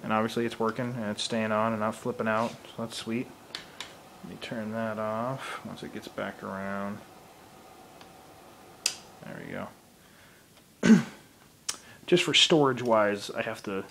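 A hoarse man in his twenties films a handheld phone walkthrough of his Halloween haunt build in a room at home, rambling with lots of ums as he handles gear. His voice is fairly low and a bit bright, and the recording has a little hiss or hum.

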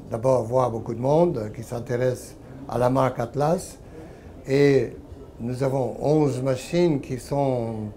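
Being interviewed in a small stand room at a trade fair, a man in his sixties who owns and runs his company gives an update in accented French, not his native language. He speaks haltingly, pausing often to find the right word, in a mid-range voice. Background noise from the trade show is clearly heard.

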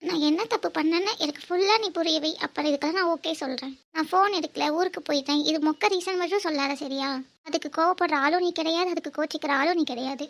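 An earnest young woman student in love, voiced by a woman for a cartoon. Her voice sits very high and her words come quickly. She talks emotionally and pleads. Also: gravelly, a bit bright. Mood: insistent. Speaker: narrator and lead character. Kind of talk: cartoon voice acting.

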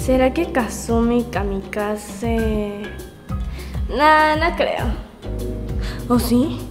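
A woman's voice: a little high, very slow. A young woman acting a curious visitor who muses to herself in a web comedy sketch. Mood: curious musing. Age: young adult. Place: indoors in a house hallway. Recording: echoey room, clear music behind.

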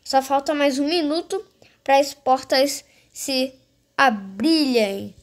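Female gaming host, notably high-pitched, casual play-by-play aimed straight at viewers, repetitive phrasing. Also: lively intonation, takes it slowly. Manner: repetitive, addresses viewers directly. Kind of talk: casual game commentary.

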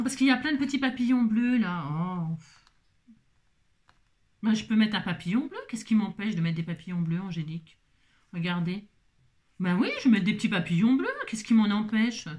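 Woman host for a casual craft tutorial, playful and chatty, talks to herself as she works, mid-pitched voice. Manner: talks to herself and viewers while working, playful teasing asides.

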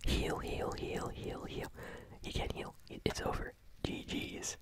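A gaming channel host whispering ASMR commentary while chewing gum and reacting excitedly to a match. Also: a little slow. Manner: whispering throughout.

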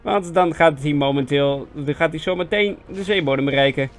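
A young Dutch man giving casual, self-mocking commentary on a strategy game, chatty with sudden excited yelps. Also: on the high side, moderate pace. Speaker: gaming video host. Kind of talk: casual let's-play commentary. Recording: faint game music behind voice.

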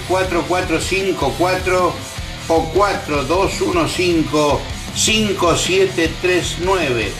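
A man reading a commercial voice-over in a measured way, spelling out phone numbers slowly. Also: a little high, reverberant. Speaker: advertising announcer.

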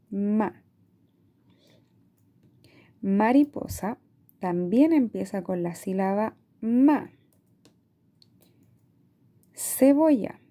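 A woman teacher with a Chilean Spanish accent, explaining a reading lesson to parents in a slow, patient way, stretching out words and checking in with "¿ya?". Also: medium pitch, warm tone. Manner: asks "¿ya?" often.

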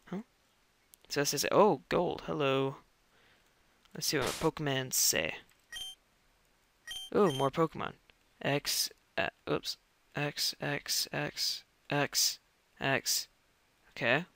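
A young man narrates his gameplay out loud, drawling his words and reacting to the screen as he goes. His voice is gravelly with a bright, forceful edge, and it cracks now and then. A faint hiss sits under the recording. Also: a little high, slow pace, long pauses. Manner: reacts loudly and talks to himself while playing. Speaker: let's play gamer. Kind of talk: gameplay commentary.

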